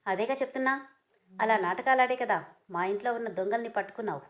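A woman voicing a stubborn, sharp-tongued young woman who keeps snapping back. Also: on the high side, quick pace, close to an everyday voice. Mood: annoyed. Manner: snappy, irritated retorts.

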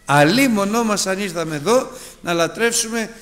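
A man preaching a sermon to his congregation, calling them brothers and moving between loud urgent appeals and hushed asides. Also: expressive. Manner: dramatic, rises and drops sharply in pitch and loudness; addresses listeners as brothers.

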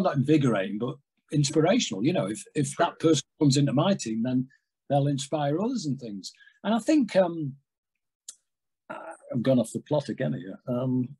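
A man in his sixties from England, a music industry guest telling stories in a rambling, animated way on a video call from home. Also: a little high, breathy edge, low-quality recording. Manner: animated, rambling storyteller with big hand gestures. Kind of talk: casual interview chat. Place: home room with framed records on wall.

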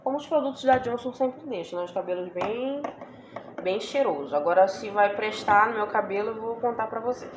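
A young beauty vlogger chats casually about the products she bought, asking viewers to agree with her every few lines. Her voice is fairly high and fairly quick, and the background is noisy.

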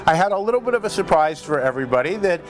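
A man's voice: high-pitched, animated, rapid-fire, over music. A man in his fifties with an upbeat, enthusiastic patter, presenting a casual morning show as a cruise director. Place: ship atrium, at a presenting desk.

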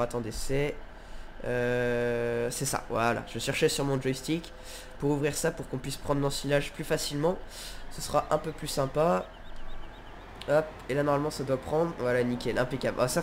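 There's a little hiss or hum on the recording as a man with a mid-range voice, nasal and congested from a head cold, hosts a gaming video. His let's play commentary is casual and hesitant, spoken as he thinks aloud.

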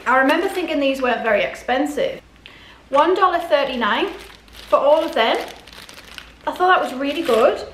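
Expressive and moderately paced, her fairly bright voice sits high. The woman, in her forties, is a vlogger chatting casually to camera about a grocery haul and often wondering aloud to herself. Recorded in a home dining room, the audio is echoey with clear background noise.

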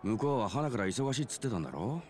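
An actor playing an easygoing middle-aged sidekick in a video game, with a rough, frank, chiding manner. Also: male voice, mid-range voice, big pitch swings, fast, darkish tone, a little hiss or hum, lightly acted. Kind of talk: video game drama acting.

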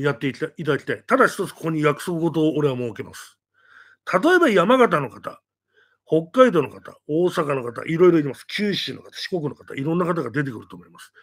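A man with a high voice that swings widely up and down, telling ghost stories and addressing his audience in an animated announcement. He talks casually and keeps throwing rhetorical questions at his listeners.

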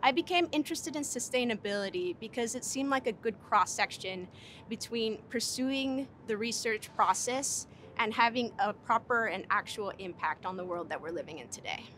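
A woman's voice: fairly high pitch, lively intonation, moderate pace, a bit bright, slight background noise. A young woman who is a graduate student speaking in a composed, analytical interview testimonial. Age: young adult.

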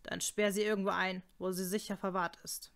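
A woman reading the lines of a cold, merciless male scholar in an audiobook, speaking quietly and with icy command. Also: mid-range voice, level tone, a little fast, lightly acted. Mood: irritated.

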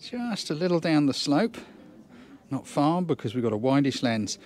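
A fairly high, darkish male voice moves at a moderate pace with a sing-song lilt. The photography tutor is out on a countryside hillside, giving an enthusiastic and chatty lesson for an instructional outdoor vlog and thinking aloud as he works.

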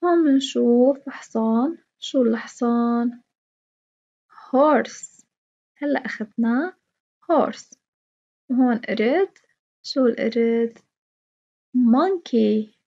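A woman's voice: a little high, slow pace, long pauses, warm tone, lo-fi sound. A woman with a Levantine Arabic accent teaching an English lesson. She explains step by step, repeats English words with their Arabic meanings and praises her students.

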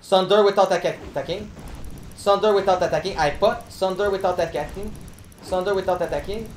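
A woman streaming a game, commenting live with loud excited bursts, frequent laughter and profane slangy chatter. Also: mid-range voice, brisk, slight background noise. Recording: roomy echo with faint keyboard typing.

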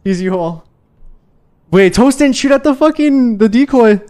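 A woman chatting excitedly while streaming a game, swearing and laughing often, thanking viewers as she plays. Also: a little high, unhurried.

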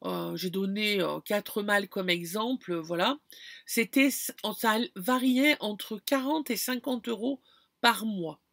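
At a campground, a vlogger from France chats with her audience, addressing them directly and explaining with many fillers and restarts. She takes it slowly, her medium-pitched voice a bit bright with vocal fry. Dry, clean studio recording.

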